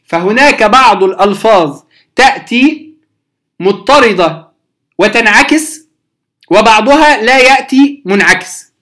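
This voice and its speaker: A teacher walks beginners through recitation rules in a measured, patient way. Key terms come back again and again, with small hesitations along the way. Every so often the teacher stops to ask the class whether it is clear. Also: medium pitch, lively intonation, fairly bright tone. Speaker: teacher of Quranic readings. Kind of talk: beginner lesson explaining rules.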